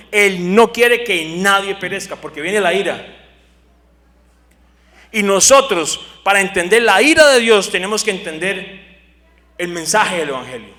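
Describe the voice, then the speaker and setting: A male pastor preaching an impassioned sermon, swinging from hushed asides to near shouts. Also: high voice, in a large hall.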